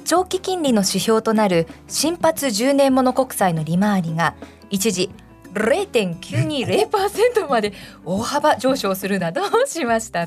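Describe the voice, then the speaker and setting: A woman's voice: mid-range voice, a little mellow. A woman hosting a radio programme, presenting segments and responding conversationally. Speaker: host. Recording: faint music behind. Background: music.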